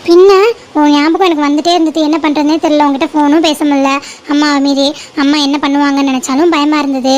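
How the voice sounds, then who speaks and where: A woman's voice: high voice, little pitch movement, quick pace, lightly acted. A woman voicing an emotional, dramatic young girlfriend in a cartoon. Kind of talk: cartoon voice acting.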